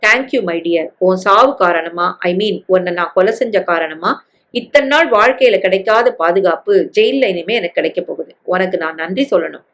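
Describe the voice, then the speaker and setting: Woman voicing a young woman, defiant, composed, steady, firm, story reading. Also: lowish voice, a little slow. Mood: mocking. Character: woman in her thirties, defiant killer who stays composed.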